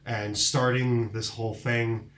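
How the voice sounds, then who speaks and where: A man's voice: medium pitch, flat delivery, takes it slowly, fairly bright tone, slight background noise. A man hosting a podcast, recapping bouts in casual, enthusiastic chat full of fillers. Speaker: podcast host. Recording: roomy echoing room.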